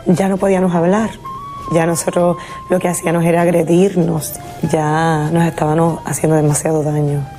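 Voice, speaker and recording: A woman giving an earnest personal testimony, quietly recounting hurt from her marriage. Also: low voice, little pitch movement, normal speed, faint music behind.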